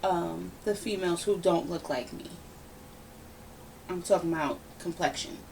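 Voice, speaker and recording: A woman hosting a casual podcast, giving her opinions in a lively, ranting, conversational way. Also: fairly low pitch, normal speed, gravelly. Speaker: podcast host. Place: home room, relaxed podcast setting. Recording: somewhat distant mic with faint background noise.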